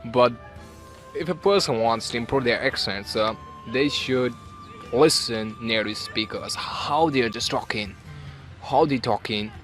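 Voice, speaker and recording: Man, student interviewee, casual and animated, mid-pitched, faint music behind. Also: measured pace. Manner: animated, acts out puzzled locals in a high voice.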